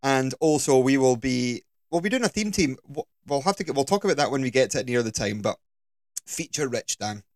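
A man's voice: medium pitch, lively intonation, brisk, few pauses, no room sound. A man hosting a football podcast, jokey and bantering in casual chat. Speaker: podcast host.

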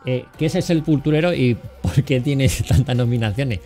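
A man's voice: mid-range voice, moderate pace, dark tone. A man in his forties from Cádiz hosting a casual, joking interview, teasing his guest and restarting his sentences often. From Cádiz, Spain. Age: 40s. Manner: banters and teases, many fillers and restarts. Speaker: podcast host. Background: faint background music.

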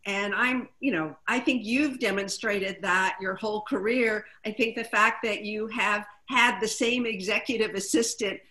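A woman co-hosting a talk show, introducing a guest and reading prepared figures in a measured way. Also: medium pitch, fairly even intonation, bright, forceful tone, echoey room, rough recording. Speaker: co-host.

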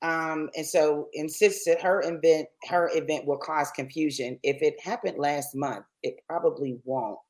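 A woman's voice: low-pitched, steady tone, a little mellow. A woman co-hosting a podcast in casual chat, teasing and asking pointed questions. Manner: teasing, questioning, quick laughs. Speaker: podcast co-host.

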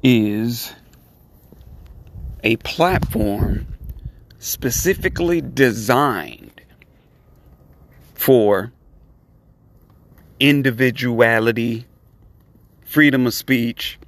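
Slow, deliberate male podcast host. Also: medium pitch, a bit bright, no room sound. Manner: deliberate, halting phrasing with repeated words and emphatic pauses. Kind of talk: solo podcast commentary.

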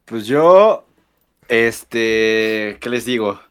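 A man's voice: lowish voice, lively intonation, extremely slow, a bit bright, clear, resonant tone. A young man chatting casually with friends, hesitant and full of fillers and slang. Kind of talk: casual chat among friends.

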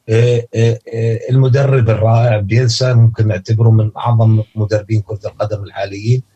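A man with a Levantine Arabic accent giving casual football analysis as a podcast guest, halting and correcting himself, in a husky, rough-edged voice. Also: mid-range voice, mellow.

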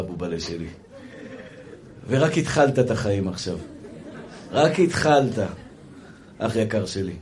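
A middle-aged male rabbi delivering a lively comic sermon in a chatty, joking way, calling his listeners brothers. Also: medium pitch, a little hiss or hum.

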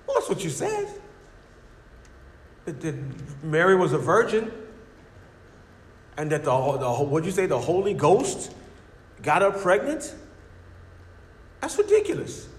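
A man's voice: high-pitched, huge pitch swings, measured pace, pauses often, full character voice. Man playing a scoffing skeptical atheist. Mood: mocking. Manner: mocking, challenging, rhetorical questions. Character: scoffing skeptical male atheist arguing at the door. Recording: echoey hall with faint noise.

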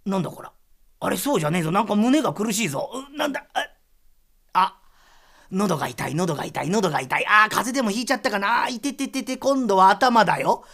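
A woman voicing a stingy middle-aged Edo townsman who grumbles in rough street speech. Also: medium pitch, expressive, quick pace, a bit bright. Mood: puzzled, aching.

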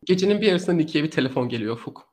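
Fast-talking man telling a crime story. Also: on the high side. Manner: animated storytelling, laughs often. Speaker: podcast co-host telling a true crime story. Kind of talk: casual true crime podcast chat.

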